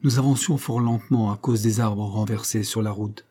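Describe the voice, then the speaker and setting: A man reading a classic story aloud in a measured, even narrating manner. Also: fairly low pitch. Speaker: audiobook reader. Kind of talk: scripted literary narration.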